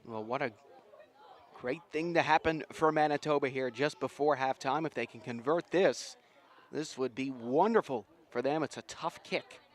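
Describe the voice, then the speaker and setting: A man with a medium-pitched voice talks at a normal speed while calling a rugby match live. He's a play-by-play commentator outdoors at a sports field, and his style is enthusiastic, slangy and folksy.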